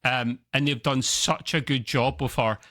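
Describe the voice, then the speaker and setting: Excitable male podcast host, bright voice. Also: a little slow. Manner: excitable and chatty, jumps up in pitch when enthused. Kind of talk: casual chat about video games.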